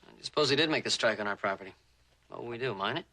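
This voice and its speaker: An actor playing an earnest, plain-spoken rancher's son in a TV western. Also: male voice, medium pitch, lively intonation, racing, pushed and bright, rough recording. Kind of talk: TV western drama acting.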